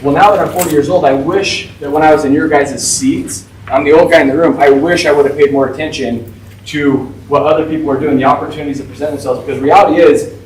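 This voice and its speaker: A man's voice: fairly high pitch, fairly even intonation, quick pace, recorded from a distance, a little hiss or hum. A man of about forty, giving a casual, informal talk to a class as a guest speaker, with lots of "like" and "right?". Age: 40s. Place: school classroom. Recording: echoey room, voice from off-mic.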